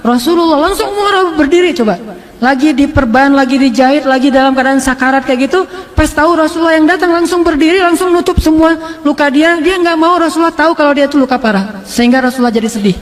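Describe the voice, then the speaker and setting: A man's voice: very high voice, fast talker, in a large hall. A male Islamic preacher telling a sermon story in a casual, humorous, colloquial way. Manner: lively, humorous, colloquial, with frequent laughs and restarts.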